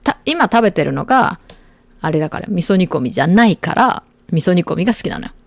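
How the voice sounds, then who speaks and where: Lively, quick-talking woman. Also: lowish voice, gravelly, dry recording. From Aichi, Japan. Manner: animated storyteller, lively quoting voices. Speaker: podcast host. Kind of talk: casual chat.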